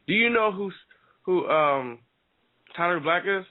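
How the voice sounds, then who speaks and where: A man's voice: high voice, animated, a little slow. Brash male wrestling radio co-host, teasing banter, tinny phone-like sound. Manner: brash, teasing, swears freely. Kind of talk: casual wrestling talk radio. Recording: phone-like lo-fi audio.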